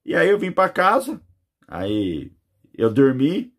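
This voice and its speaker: Husky Brazilian man telling a story. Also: fairly high pitch, huge pitch swings, takes it slowly. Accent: Brazilian Portuguese. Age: adult with children. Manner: rambling storytelling with many fillers. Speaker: near-death experience witness. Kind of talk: personal testimony.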